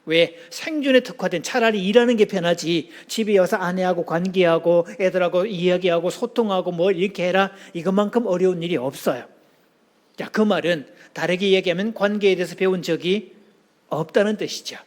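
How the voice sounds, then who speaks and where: A man's voice: high-pitched, fairly quick. A male pastor giving a sermon, asking the congregation questions and leading them in call-and-response.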